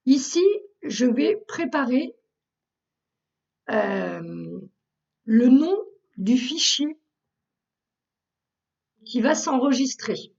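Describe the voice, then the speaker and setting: A woman who trains people on Google Workspace, explaining a software task step by step with frequent fillers, recorded as a screen tutorial. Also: fairly high pitch, expressive, extremely slow, creaky, pauses often, distant mic, lo-fi sound.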